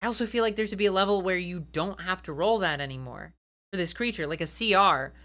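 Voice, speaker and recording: A woman giving animated comedic commentary as she reads out game rules, sardonic and incredulous, with emphatic, dramatic asides. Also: fairly low pitch, fast talker. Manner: sardonic, incredulous, swears freely. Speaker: voice actor reviewing tabletop game homebrew.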